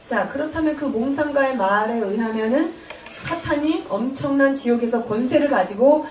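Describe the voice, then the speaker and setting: A woman interprets a sermon for a congregation, her delivery polished and explanatory. Her voice sits a little high. It comes from a distance in an echoey church hall, with faint noise behind it. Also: normal speed, a little mellow. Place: church sanctuary.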